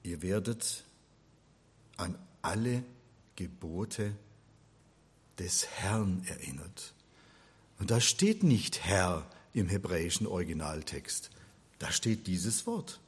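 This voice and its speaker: A man's voice: deep voice, very animated, slow pace, pauses often, slightly rough. A man giving an explanatory religion lecture, patiently spelling things out step by step. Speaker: religion teacher.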